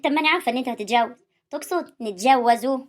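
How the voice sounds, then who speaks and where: High, rapid-fire sharp-tongued Egyptian village woman, as a woman plays her, proud and confrontational, amateur drama role. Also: natural voice. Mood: suspicious.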